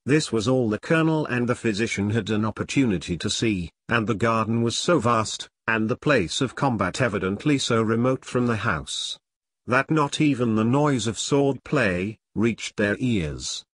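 A man narrating a classic story in a measured, even reading style. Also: lowish voice, breathy edge. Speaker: audiobook narrator. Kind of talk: scripted narration.

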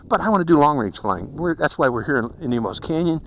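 Out in a windy desert canyon, a middle-aged channel host who reviews drones walks through a product step by step in a casual, chatty way, his Pittsburgh accent clear. He talks fast in a fairly high, animated voice. His hat-mounted camera yields a rough, noisy action-camera recording.

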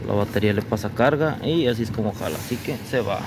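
With a chest-mounted action camera rolling, a man picks through trash left at the curb on a residential street, talking quickly to his viewers in a lowish voice. The vlogger keeps a chatty tone, often saying "mi gente," over loud outdoor noise.

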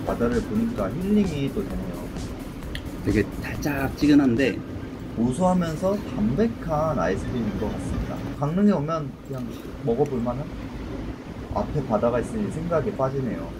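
A man vlogging outdoors by the sea with his mouth full of ice cream, giving relaxed, chatty remarks about the taste. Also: medium pitch, moderate pace, poor audio. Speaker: travel vlogger. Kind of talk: casual food commentary. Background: background music.

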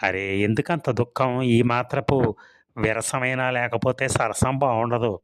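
A man's voice: mid-range voice, fairly even intonation, a little slow, no room sound, studio quality, lightly acted. A man reading a storybook serial, voicing a charming, manipulative village landlord who laughs things off. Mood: coaxing. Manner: smooth, coaxing, laughs things off.

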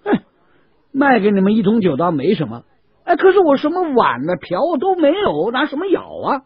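A man's voice: very high voice, huge pitch swings, normal speed, breathy edge, no room sound, pitched above the performer's own voice, full character voice. A man voicing a crafty, quarrelsome male wine peddler who sneers and haggles, on a dull, dry lo-fi recording. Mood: haggling.

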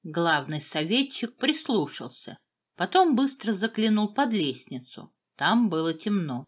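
A woman narrating a children's fairy tale in an expressive, dramatic storytelling manner. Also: medium pitch, unhurried. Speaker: audiobook narrator.

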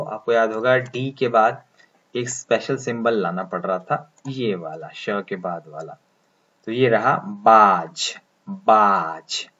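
A man walks through a pronunciation lesson patiently and step by step, prompting the listener to repeat each word. His voice sits at an ordinary middle pitch. The recording sounds a little dull and lo-fi. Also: a bit bright. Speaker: English pronunciation teacher. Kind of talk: phonetics lesson with transcription drills.

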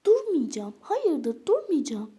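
Woman acting as an angry stubborn girl, toy role-play, loud, defiant, mellow tone. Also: high voice, sing-song, slow, pitched above the performer's own voice, exaggerated voice. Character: angry stubborn girl shutting out her friend.

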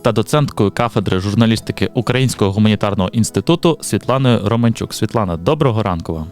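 A man's voice: on the low side, fast talker, soft background music. A man hosting a morning radio interview, introducing the guest and asking questions in an upbeat way. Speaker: radio host.

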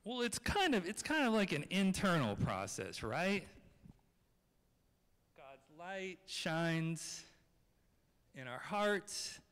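A man's voice: a little high, fairly bright tone, smooth. A man in his thirties sits on the chancel steps of a large church and talks casually to children, asking them questions as he goes. His voice carries a long reverb from the sanctuary. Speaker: children's message leader. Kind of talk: children's sermon. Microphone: handheld microphone.

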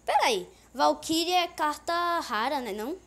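A young woman with a Brazilian accent talks over her own game as she plays. Her voice sits high, and she loops words over and over in a sing-song, joking way. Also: lively intonation, a little slow, a bit bright. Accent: Brazilian Portuguese. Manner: playful, sing-song repeating of words, laughing. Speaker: gaming youtuber. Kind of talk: casual gameplay commentary.

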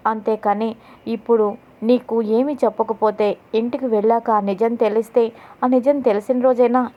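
A woman's voice: fairly high pitch, steady tone, moderate pace, dull audio, lightly acted. A woman narrator voicing a harsh, scheming middle-aged mother-in-law who speaks bluntly and scolds. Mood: aggrieved.

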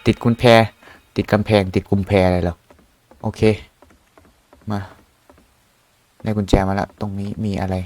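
A man's voice: on the low side, flat delivery, a little slow, long pauses, mellow, a little hiss or hum. A young man casually commenting while playing a horror game, jumpy and exclaiming often. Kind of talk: casual let's-play commentary.

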